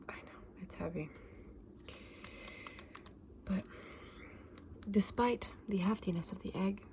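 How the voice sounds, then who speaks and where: In an ASMR roleplay, a woman plays a friendly, knowledgeable fantasy egg seller, softly and often breathily whispering as she gently explains things to a customer in an informative, fond mood. Her voice is fairly low, with slight background noise.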